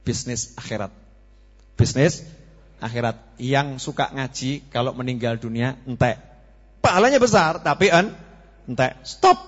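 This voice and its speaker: Joking Javanese-accented preacher in an echoing hall. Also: male voice, mid-range voice. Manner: joking, asks the audience questions; mixes Javanese into Indonesian. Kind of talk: sermon to a live congregation. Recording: reverberant, dull lo-fi hall recording.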